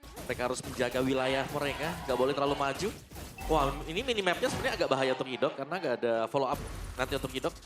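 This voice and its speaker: A man's voice: mid-range voice, rapid-fire. A man giving analytical commentary on an esports match.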